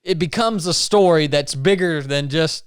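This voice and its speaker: A man with a slightly high voice hosts a podcast interview, chatting in an earnest, folksy, casual manner and often ending sentences with "man." He speaks at a moderate pace with a clean tone, and the studio recording is clean without echo.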